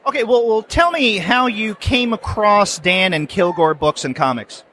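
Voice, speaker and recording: A man's voice: high-pitched, normal speed, pushed and bright, a little hiss or hum. A male podcast host asking a guest polite, prompting interview questions.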